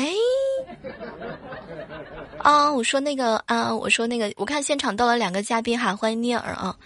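A woman's voice: a little high, a bit bright. A woman hosting a live stream, bubbly and chatty, laughing often. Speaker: livestream host.

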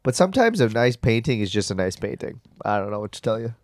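A man's voice: on the low side, sing-song, fast talker. A man co-hosting a podcast in casual chat, full of joking, needling banter. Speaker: podcast co-host.

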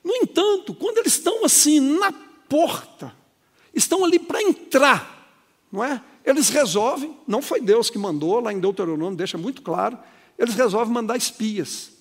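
Brief: male pastor, dramatic sermon storytelling, husky high voice, hall reverb. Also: animated, moderate pace.

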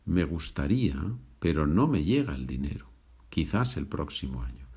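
A man teaching in a podcast lesson from home, speaking slowly and repeating each phrase, then switching to English to explain it. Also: a bass voice, big pitch swings, a little mellow, breathy edge. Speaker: language teacher.

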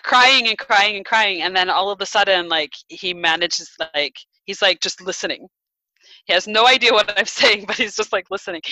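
A woman in her thirties telling a personal story in casual chat, animated, laughing often and using many fillers. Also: mid-range voice, dry recording, rough recording.

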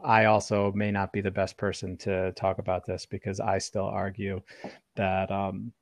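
Laid back guy chatting, lowish voice, kinda rambly, dry close sound. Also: creaky, dry recording. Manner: easygoing, rambling with restarts. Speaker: podcast co-host. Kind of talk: casual chat.

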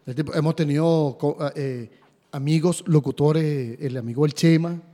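A man co-hosting a sports podcast talks in a chatty, upbeat way. His voice is on the high side yet soft and mellow in tone. A long reverb hangs around him from the room. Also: normal speed. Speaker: podcast co-host. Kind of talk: casual chat.

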